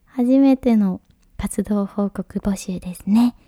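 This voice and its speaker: Woman, podcast host, very soft dark tone, breathy and whispery, ultra-polite honorific speech, music behind. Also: mid-range voice, slow pace, dry recording, clean studio sound. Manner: ultra-polite, formal honorific Japanese phrasing. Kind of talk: soft, whispery late-night podcast hosting to listeners.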